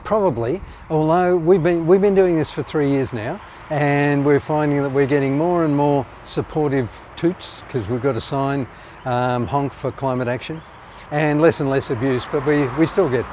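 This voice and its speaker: A man's voice: fairly high pitch, fairly even intonation, normal speed, a little mellow, slight background noise. Older Australian man telling stories. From born in the Netherlands, raised in Australia. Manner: chatty, hesitant with many ums, laughs at his own stories. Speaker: climate activist, interviewee. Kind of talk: casual storytelling. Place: outdoors on a street corner.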